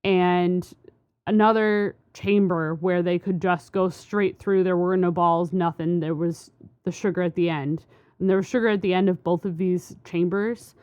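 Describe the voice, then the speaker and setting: Slow-talking woman, smooth dry voice. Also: fairly low pitch, steady tone, darkish tone, dry recording, dull audio. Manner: rambling with frequent fillers and restarts. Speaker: podcast co-host. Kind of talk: casual science chat.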